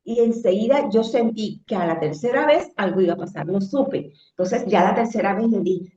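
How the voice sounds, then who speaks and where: A woman giving an emotional personal testimony, animated and acting out her own shouts as she tells it. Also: medium pitch, normal speed. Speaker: interviewee sharing a near-death testimony. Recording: echoey room, dull lo-fi sound.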